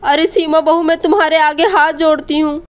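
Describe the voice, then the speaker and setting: A frightened old village mother-in-law, as a woman plays her in a doll story. She begs and pleads in a high voice, and her fear runs through every line. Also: steady tone, normal speed, close to an everyday voice. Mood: pleading. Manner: pleading, fearful.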